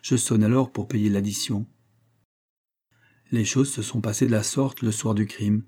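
A man giving a steady, measured reading of a crime novel as an audiobook narrator. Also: lowish voice.

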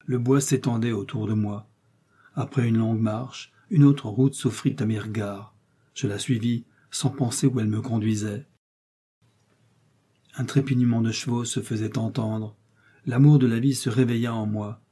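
A man reading a story aloud in a grave, steady narration. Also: mid-range voice, moderate pace, husky. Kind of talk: audiobook reading.

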